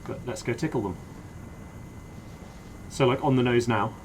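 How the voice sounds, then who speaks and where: Guy flying in a military sim, medium pitch, understated wordy comms, engine noise behind. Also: rough recording. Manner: understated, measured, wordy phrasing. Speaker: helicopter pilot player. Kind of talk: casual military game comms. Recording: loud helicopter noise behind voice.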